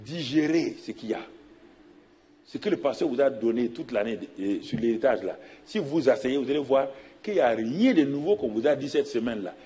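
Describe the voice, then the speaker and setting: A middle-aged man preaching a sermon as pastor, animated, repeating himself and asking rhetorical questions. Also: mid-range voice, a little fast.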